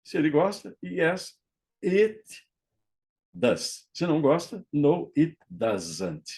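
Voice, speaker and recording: A male English teacher explains grammar at an unhurried pace. His pitch moves freely up and down as he spells out English examples slowly and deliberately. He often stops to check in with an "ok?". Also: expressive, vocal fry, darkish tone. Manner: checks understanding with frequent "ok?".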